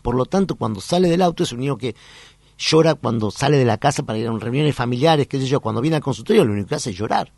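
A man, a child psychoanalyst, telling a clinical story in a lively way and acting out the voices. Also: medium pitch, fast talker, vocal fry, dry recording, studio quality. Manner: animated, acts out voices and sounds in anecdotes. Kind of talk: conversational storytelling.

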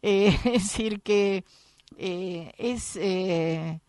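A radio host from Argentina, speaking Rioplatense Spanish, chats and tells anecdotes in a talkative way. Her medium-pitched, slightly mellow voice is extremely slow, captured in a dry, clean studio recording.

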